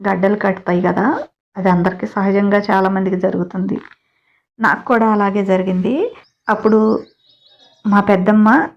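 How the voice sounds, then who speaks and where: A woman narrates a family story in a steady storytelling voice, turning now and then to chat with listeners. Her pitch sits mid-range for a woman. The home recording is lo-fi and dull. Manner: even, steady reading with chatty personal asides.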